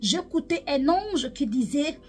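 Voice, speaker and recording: Woman from DR Congo, prophetess, very high voice, repetitive emotional testimony, faint music underneath. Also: animated, a little slow. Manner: repetitive, emotional, switching into chanting. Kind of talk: testimony of a spiritual vision.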